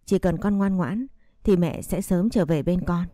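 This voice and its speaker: A woman's voice: lowish voice, unhurried, dark tone, dry recording, clean studio sound, close to an everyday voice. A woman reading a tender, soothing mother. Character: gentle loving young mother. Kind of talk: audio story reading.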